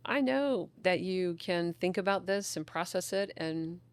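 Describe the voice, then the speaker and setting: A woman child psychologist talking in a casual podcast conversation, an enthusiastic, animated storyteller who acts out the people she quotes. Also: fairly low pitch, a little slow, dry recording.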